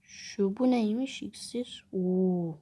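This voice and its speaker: A woman's voice: mid-range voice, slow pace, dark tone, husky. A woman chatting through a mobile game, commenting casually and crying out when things go wrong. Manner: chatty, exclaims and groans at the game. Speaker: gameplay vlogger. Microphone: phone.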